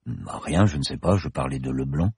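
A man reading an audiobook and voicing a calm, measured, somewhat weary older professor. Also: extremely low pitch, gravelly, slightly rough, no echo, voice pushed down, exaggerated voice. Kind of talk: audiobook character voice.

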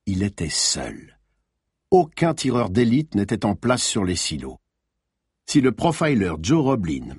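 Husky-voiced male audiobook narrator. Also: medium pitch, no room sound, studio quality. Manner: expressive storytelling.

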